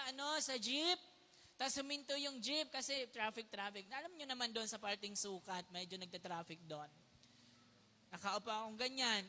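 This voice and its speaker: A man from the Philippines preaches with a high, sharp voice. He speaks in a conversational way, often asks his listeners questions and switches into English phrases. His voice rings out with a long reverb, as in a large hall. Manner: mixes English phrases into Tagalog. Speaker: pastor. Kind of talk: sermon with a personal story.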